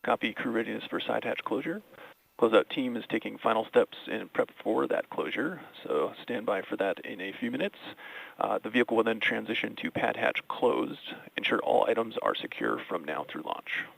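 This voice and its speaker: A man gives procedural mission control radio calls. His lowish voice is heavily creaky and rough-edged. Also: animated, moderate pace, a bit bright, no echo, poor audio. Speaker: spacecraft communicator at mission control.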